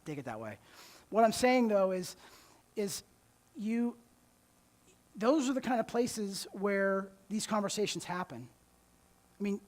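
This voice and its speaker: A man giving a conversational church talk, often restarting words and checking in with his listeners. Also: high-pitched. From United States. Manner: conversational, repeats words while restarting, checks in with "okay?" and "right?". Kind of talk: sermon-style talk.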